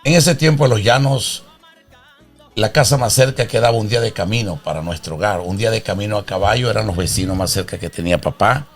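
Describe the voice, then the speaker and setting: Sixties man, low-pitched and proud, tells his life story slowly over faint music. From Venezuela. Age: 60s. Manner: earnest, proud, unhurried storytelling. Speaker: interview guest, father of host. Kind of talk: casual interview.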